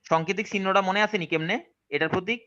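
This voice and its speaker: Bangladeshi male English teacher, slightly high voice, dull lo-fi recording. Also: fairly even intonation, very fast, pushed and bright. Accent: Bangladeshi Bengali. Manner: questioning, checks understanding often. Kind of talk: online classroom lesson.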